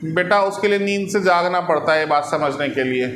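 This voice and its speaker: Male physics teacher, high-pitched, patient, echoey classroom recording. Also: a little fast, a bit bright, slight background noise. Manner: explains patiently, keeps asking "ठीक है?" and "है ना". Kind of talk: classroom lecture.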